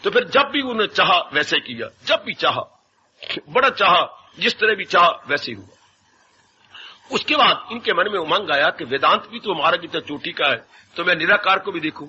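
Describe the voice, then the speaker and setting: A man's voice: high-pitched, sharp tone. A man giving a devotional sermon as a spiritual teacher, telling stories and acting out voices. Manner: storytelling, often acting out voices. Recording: dull lo-fi 1990s tape with faint hiss.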